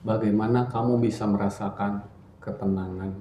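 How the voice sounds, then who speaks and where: A man giving a casual religious talk in an indoor study hall, joking and blunt, slowing down to stress his points. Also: on the low side, steady tone, mellow, slight background noise. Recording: roomy hall, faint ambience.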